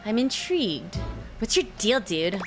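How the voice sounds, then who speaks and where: A woman commenting casually on a game she is playing. Her pitch swings in a lively way while her pace stays slow, and music plays clearly behind her. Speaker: gamer reacting to a dating sim.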